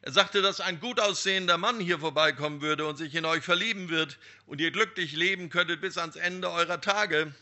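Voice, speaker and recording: A man voicing an eager, hasty young man from a spoken parable, talking in an excited rush. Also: high-pitched, moderate pace, pitched above the performer's own voice, heavily acted. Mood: hurried. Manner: excited, breathless hurry.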